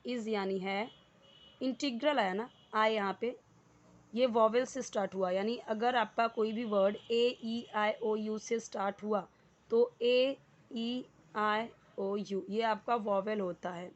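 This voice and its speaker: Woman teaching, patient word-by-word explaining, slow delivery, muffled lo-fi sound. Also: mid-range voice, fairly even intonation. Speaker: English teacher. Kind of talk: Hindi-medium English lesson.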